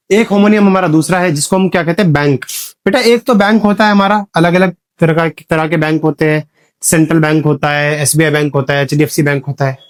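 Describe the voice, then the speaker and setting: A fairly high-voiced man teaching a Hindi-speaking class about English words. He keeps asking the students questions and checking that they follow. He drops into slow, careful English for the example sentences. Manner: calls students "beta", repeats "clear hai?". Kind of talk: classroom lecture.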